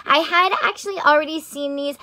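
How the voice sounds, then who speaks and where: A young woman chatting casually as a vlogger, gushing with the excitement of an anime fan. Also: sits high, a little fast. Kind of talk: casual shopping haul chat.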